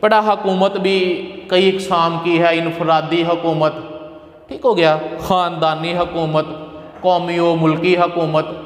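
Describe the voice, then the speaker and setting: A man's voice: on the high side, level tone, unhurried. Man lecturing in an echoey hall. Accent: Pakistani Urdu. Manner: addresses students as "beta", repeats and glosses words; recites verses in a chanting lilt. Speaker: college Urdu teacher. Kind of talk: classroom lecture explaining poetry. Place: classroom. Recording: echoey classroom with long reverb.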